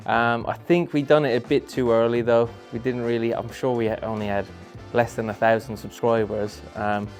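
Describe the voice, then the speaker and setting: A man's voice: mid-range voice, little pitch movement, moderate pace, faint music behind. A man answering questions on camera in a casual, joking way, laughing easily.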